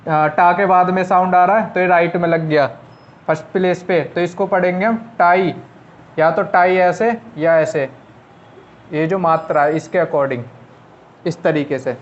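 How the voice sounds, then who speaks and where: A man with a fairly high voice teaches a shorthand class, talking casually and going over each step again as he writes it out. The sound is a little dull and lo-fi. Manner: talks while writing on a board, repeats and explains step by step.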